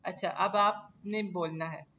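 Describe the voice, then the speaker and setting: A man with a Pakistani accent teaching a live English class, explaining slowly and deliberately. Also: sits high, steady tone, bright, forceful tone, muffled recording, slight background noise. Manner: slow, deliberate, stretching English phrases.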